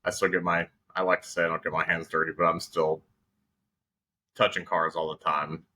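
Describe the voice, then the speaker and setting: A man's voice: low voice, normal speed. A man in his thirties, a podcast guest, talking casually and joking, with frequent ums. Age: 30s. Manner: relaxed, joking, hesitant with ums. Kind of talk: casual conversation.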